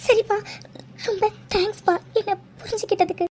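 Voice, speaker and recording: A woman's voice: very high voice, steady tone, a little fast, darkish tone, a little hiss or hum. A woman voicing a young daughter who is a bride, talking through tears and stammering in a cartoon drama. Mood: remorseful. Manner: crying, pleading, stammering. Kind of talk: cartoon voice acting.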